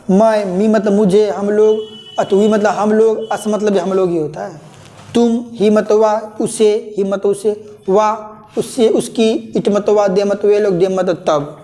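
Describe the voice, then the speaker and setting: A woman teaching an English grammar lesson, repeating terms slowly and often checking that students understand. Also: medium pitch, mellow. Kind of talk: classroom lesson explaining pronouns.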